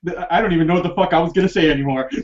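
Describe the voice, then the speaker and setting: A man's voice: fairly high pitch, very fast, a little hiss or hum. A man hosting a casual film discussion podcast, rambling with lots of fillers and restarts and laughing often. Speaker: podcast host. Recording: dull lo-fi podcast recording.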